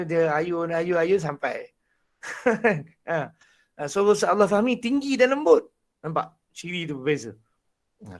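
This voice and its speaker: Man, Malaysian Malay accent, husky breathy voice, animated teacher, fairly high voice. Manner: animated, laughs often, demonstrates voices. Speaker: Quran recitation instructor. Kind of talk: online lecture.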